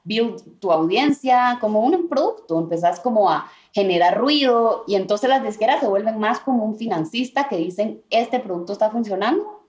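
Guatemalan woman, animated storyteller. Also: mid-range voice, moderate pace, few pauses. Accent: Guatemalan Spanish. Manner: animated, mixes in English words. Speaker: guest singer-songwriter. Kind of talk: casual storytelling interview. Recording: roomy echo.

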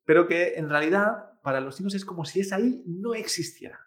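Lively, high-voiced teacher man. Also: fairly quick. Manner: patient, explanatory, checks in with tag questions. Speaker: Mandarin teacher. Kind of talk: online pronunciation lesson.

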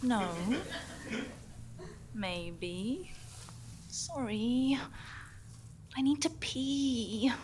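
A woman's voice: a little high, expressive, extremely slow, long pauses, very noisy. A woman playing a jittery camper. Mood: sheepish. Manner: playful, easily frightened, self-mocking. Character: jittery young woman scared of the dark while camping. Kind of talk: comedy audio drama.

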